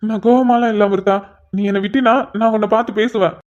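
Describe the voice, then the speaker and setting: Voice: mid-range voice, fairly even intonation, quick pace, darkish tone, muffled recording, lightly acted. [name], a performer voicing an exasperated young husband. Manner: exasperated, pleading, sighing asides. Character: flustered young married man, patient and exasperated.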